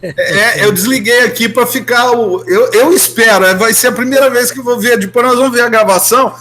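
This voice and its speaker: A man's voice: very high-pitched, a little fast, pushed and bright. A man hosting a community radio show, chatting casually and rambling with restarts. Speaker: radio host.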